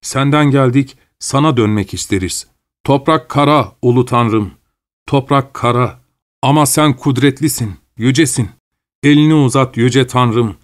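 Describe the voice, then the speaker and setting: A man narrating a story voices a calm, steadfast older male missionary who speaks earnestly and prays aloud. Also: mid-range voice, measured pace, natural voice. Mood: praying. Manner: earnest, pleading.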